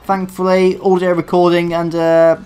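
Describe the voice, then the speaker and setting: A man commentating his own gameplay in a dark room, swearing at his failures and making sarcastic, self-mocking asides. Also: sits high, completely flat delivery, normal speed, clear, resonant tone. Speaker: let's play gamer. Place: dark room alone at a computer.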